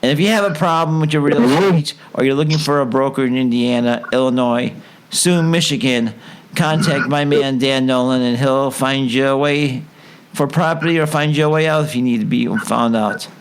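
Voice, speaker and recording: A man's voice: medium pitch, moderate pace, clear, resonant tone. A man hosting a casual talk show, chatting in a rambling, jokey way, often trailing off and restarting his sentences. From Chicago. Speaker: show host. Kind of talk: casual chat.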